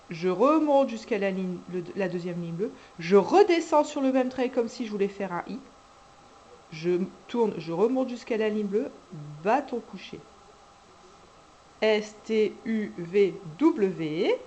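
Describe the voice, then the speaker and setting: A woman teaching cursive letters to young children, calmly talking through each stroke as she writes. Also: mid-range voice, low-quality recording. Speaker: kindergarten teacher. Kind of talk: handwriting lesson, step-by-step.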